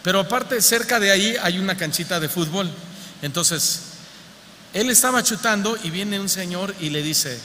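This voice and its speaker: A man with a Mexico City accent preaches to his congregation, keeping it conversational and humorous and firing off rhetorical questions. His voice sits a little high and rings bright and forceful. The church hall gives it a long reverb over a faint background hum. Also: moderate pace. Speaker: pastor. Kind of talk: sermon.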